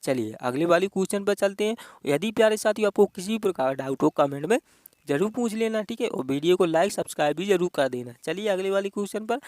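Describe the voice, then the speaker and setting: High-voiced man teaching reasoning. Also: animated, fast talker, a little mellow, no room sound, clean studio sound. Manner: repetitive, coaxing, addresses viewers as dear friends. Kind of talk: exam-prep reasoning lesson.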